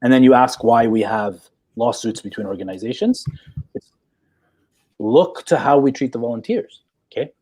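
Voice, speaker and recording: A man's voice: medium pitch, expressive, moderate pace, long pauses, darkish tone, husky. A man in his forties, a psychologist in a live chat, talking assertively and checking in with "okay?" as he explains. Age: 40s. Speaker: guest psychologist.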